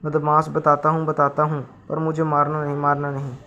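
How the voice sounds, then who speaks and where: A man's voice: on the high side, monotone, moderate pace, bright, forceful tone, dull audio, a little hiss or hum. A man voicing a sly, clumsy thief who mutters to himself. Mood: grumbling.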